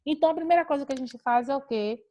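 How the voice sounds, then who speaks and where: A woman's voice: high voice, quick pace, dark tone. A woman teacher giving an online class on a video call, explaining step by step with patient rhetorical questions.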